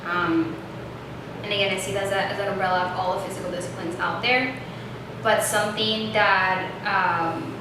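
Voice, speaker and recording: A woman from El Salvador who talks things through slowly and thoughtfully, often pausing to find the right word. She sits well back from the microphone in a very echoey room. A steady noise hum runs behind her. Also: mid-range voice. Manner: thoughtful, pauses to find words. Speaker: yoga instructor and dancer, guest. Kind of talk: casual conversation. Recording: echoey room, distant mic, noisy.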